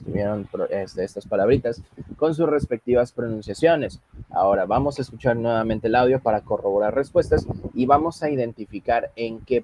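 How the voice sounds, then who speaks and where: A man's voice: medium pitch, a little mellow, a little hiss or hum. Patient man teaching English. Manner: explains patiently, switches between Spanish and English. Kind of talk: online class instruction.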